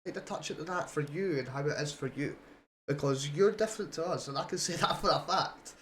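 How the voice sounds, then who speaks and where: A man's voice: on the high side, fairly quick, fairly bright tone, a little hiss or hum. A man hosting a casual podcast chat, rambling and coaxing his guest with questions. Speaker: podcast host.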